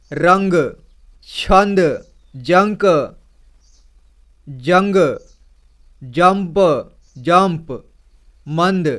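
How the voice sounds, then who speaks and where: Slow, clear-voiced man teaching reading. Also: high voice, a bit bright. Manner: reads each word twice, asks "क्या पढ़ेंगे?" and answers; ends many lines with "ठीक है". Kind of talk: slow reading lesson for beginners.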